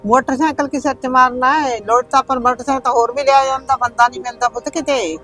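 A woman's voice: high voice, fairly even intonation, fast, fairly bright tone, soft background music, poor audio. Woman playing a sympathetic village aunt. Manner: sympathetic, asks questions, calls others son. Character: older aunt, village neighbor.

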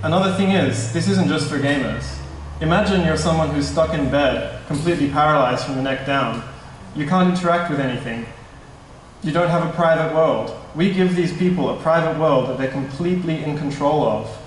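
In a large indoor meetup hall, a young man from a tech startup gives a conference talk, relaxed yet slightly nervous and correcting himself as he goes. His pitch is fairly high and his speed normal. A distant stand mic catches the hall's echo along with a bit of background noise.

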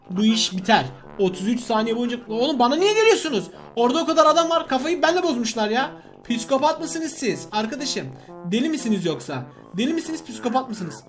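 A young man commentating his mobile game live, animated and loud, chanting repeated words and yelling at other players. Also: sits high. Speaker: gaming channel host.

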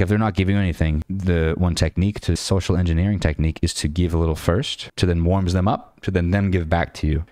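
A man coaching on dating in a blunt, rambling monologue, his voice very low and his delivery rapid. He stumbles through restarts and fillers, recorded close and dry with no room sound. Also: darkish tone, dry recording. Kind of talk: screen-share critique monologue.

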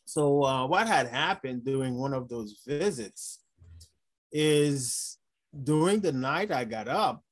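A Haitian-accented man with a mid-range voice and lively intonation joins a conference by video call as a panelist and chief medical officer. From his office with blinds and a glasses display, he speaks warmly through his webcam, chuckling, unhurried, and heavy on fillers.

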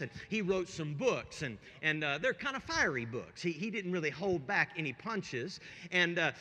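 A male pastor preaching a sermon, conversational and checking in with the congregation, swinging from hushed asides to shouted emphasis. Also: medium pitch. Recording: long reverb of a large hall.

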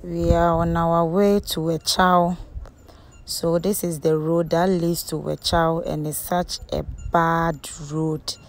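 A young woman talks slowly and chattily to her viewers while travelling, her voice sitting a little low. She films on a phone at arm's length, and engine and traffic noise rumble clearly behind her. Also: flat delivery. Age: young adult. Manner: chatty, addresses viewers directly. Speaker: travel vlogger. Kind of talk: casual travel vlog. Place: outdoors on roads and in vehicles. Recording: loud road and vehicle noise.

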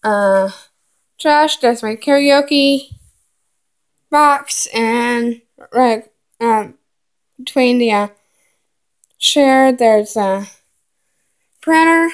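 This is a vlogger narrating a casual tour of her home, recording on a phone held in her hand as she moves from room to room. Her voice is high, her pace very slow, and her halting delivery is full of "uh"s and "um"s as she lists items one by one.

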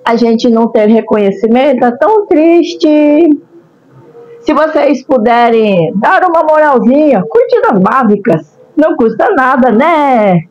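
Middle-aged Brazilian female vlogger, slightly high voice, cutesy anime-streamer delivery for product reviews, dull lo-fi audio. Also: expressive, unhurried. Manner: cutesy and playful, with sing-song catchphrases. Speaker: video channel host.

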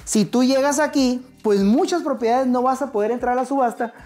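In an indoor studio, a middle-aged man with a Mexican accent stands at a whiteboard teaching real estate, gesturing as he walks the viewer through it step by step. He speaks directly to the camera in a conversational way, his voice very high, a little fast and a little mellow. Faint music plays in the background.

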